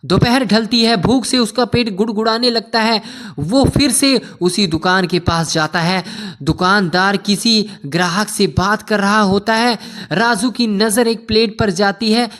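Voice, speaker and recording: A man's voice: sits high, steady tone, a little slow, few pauses, a bit bright. A man narrating an emotional cartoon story in a heartfelt way, often addressing listeners as friends.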